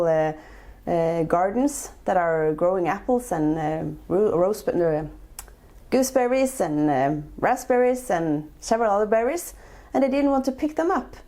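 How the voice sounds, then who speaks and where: A Norwegian woman in her forties, a chef and entrepreneur, answers interview questions as a guest in accented English. Her medium-pitched voice is warm and animated, a little slow, and she hesitates often, filling gaps with many filler sounds.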